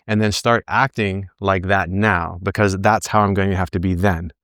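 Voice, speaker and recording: A back pain coach in his early forties talks to his group in a low, steady, slightly bright voice at normal speed. His informal, motivational delivery features repeated "right?" prompts and his own thoughts spoken as quotes. Studio-quality recording with no room sound.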